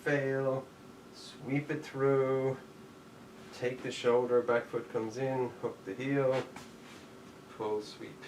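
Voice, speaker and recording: The man's delivery is flat and extremely slow, his medium-pitched voice a bit dark, as he teaches jujitsu live online. Narrating each move as he performs it, he counts the steps aloud; the room echoes, the mic is far away, and faint noise lingers.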